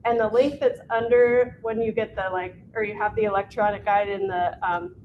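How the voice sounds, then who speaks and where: A woman's voice: mid-range voice, little pitch movement, normal speed, lo-fi sound, slight background noise. A woman co-trainer adding points casually to a teacher training presentation, with fillers.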